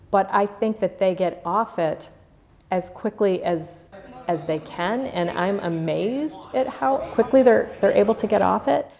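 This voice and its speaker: A woman speaking in a measured, thoughtful way with occasional fillers in a documentary interview. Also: medium pitch, vocal fry, darkish tone.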